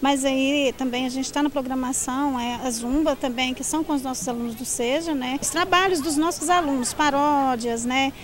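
High-voiced woman organizer, outdoor interview. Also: fairly even intonation, moderate pace, few pauses. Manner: conversational, frequent tag questions. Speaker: fair organizer. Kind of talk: street interview. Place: outdoor street fair at night. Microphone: handheld reporter mic.

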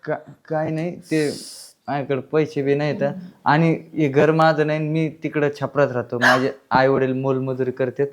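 A man's voice: mid-range voice, little pitch movement, moderate pace, natural voice. An actor playing a poor young husband who lied about his wealth, pleading and evasive. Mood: sheepish. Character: broke young husband, sheepish liar, pleading. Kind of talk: comic village drama acting.

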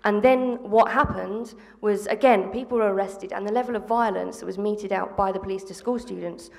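A woman's voice: mid-range voice, steady tone, moderate pace, vocal fry, darkish tone. A woman in her thirties from England, a panel guest speaking earnestly into a handheld mic, with many ums and restarts. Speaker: panel guest, former school strike organiser. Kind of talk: live panel discussion. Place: theatre stage before an audience. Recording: long reverb of a theatre hall.

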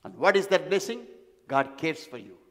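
A man's voice: a little high, very animated, moderate pace, fairly bright tone. A man preaching a sermon as pastor, emphatic and repeating key phrases for weight. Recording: long hall reverb.

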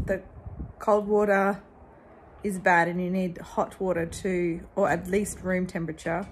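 A woman in her thirties with an Australian accent chats bluntly in a book vlog, with exasperated asides, filming on a phone held at arm's length first in a car, then in her living room. Her voice is medium-pitched and darkish, on a low-quality recording with slight background noise.

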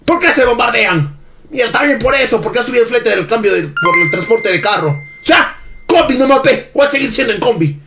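A man's voice: very high voice, animated, brisk, creaky, sharp tone, faint music behind. A man with a Peruvian accent, chatting dramatically and swearing on a live game stream. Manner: dramatic, swearing, mock-pleading.

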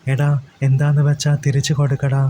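A man voicing a sharp-tongued mother who scolds her children, in a flat, low-key way. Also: a little fast, slight background noise, natural voice. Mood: scolding.

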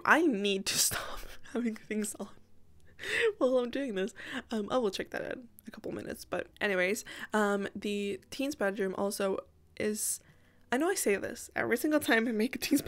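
A woman giving a casual, rambling gaming voiceover, interrupting herself with asides, her sore voice strained and cracking now and again. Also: mid-range voice. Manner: chatty, self-interrupting, apologetic asides. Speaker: gaming video creator.

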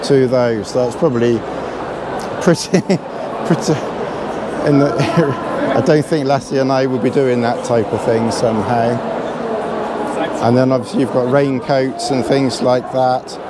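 Unhurried male vlogger, rambling walk-around commentary, loud crowd around him. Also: mid-range voice, fairly even intonation. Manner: rambling, chatty, chuckles often. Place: busy indoor exhibition hall. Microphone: body-worn action camera. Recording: loud crowd noise in a big hall. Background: loud crowd chatter and hall noise.

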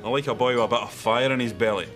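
An actor with a Scottish accent playing a jovial, pushy company boss telling jokes in sketch comedy, chuckling heartily. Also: male voice, mid-range voice, rapid-fire, a bit bright, soft background music, close to an everyday voice.

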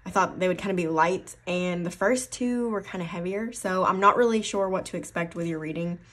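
Low-voiced Appalachian woman reading tarot. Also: a little fast, fairly bright tone. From Appalachian foothills, USA. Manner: rambling, self-correcting, thinking aloud. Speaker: tarot reader. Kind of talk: casual tarot card reading.

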